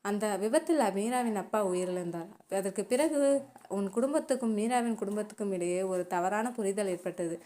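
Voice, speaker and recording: Calm older man, read by a woman, slow, measured, grave, storybook reading. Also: mid-range voice, natural voice.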